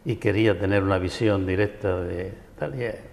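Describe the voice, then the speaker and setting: A man from Barcelona, Spain, who writes and works as an architect, gives long, winding answers in a Peninsular Spanish accent during a TV interview in a local studio. His low-pitched voice is steady and darkish with vocal fry, at a moderate pace, sounding like a large hall.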